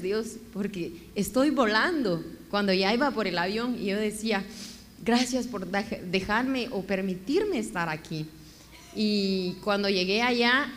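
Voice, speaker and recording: Mujer guatemalteca contando su historia. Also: female voice, medium pitch. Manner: animated, emotional storytelling. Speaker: guest. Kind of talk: telling her life story. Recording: echoey hall.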